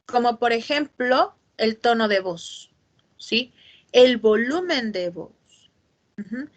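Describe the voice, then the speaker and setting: Woman teacher, fairly high voice, expressive, online lecture over a video call. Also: slow. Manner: expressive, asks for checks with "¿sí?" and "ujú".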